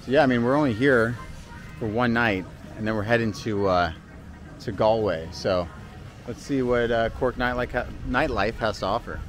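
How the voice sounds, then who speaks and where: A man's voice: medium pitch, normal speed. Casual man vlogging on a busy street. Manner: casual, chatty, slangy. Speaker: travel vlogger. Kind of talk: casual travel vlog. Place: outdoors on city streets and in pubs. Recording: street crowd and music behind.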